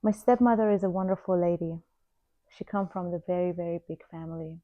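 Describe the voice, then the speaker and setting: A woman in her forties from Iran, slowly and earnestly telling her life story to the camera. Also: fairly low pitch, fairly even intonation. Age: 40s. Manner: slow, reflective, heartfelt. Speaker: vlogger. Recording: slightly dull lo-fi sound.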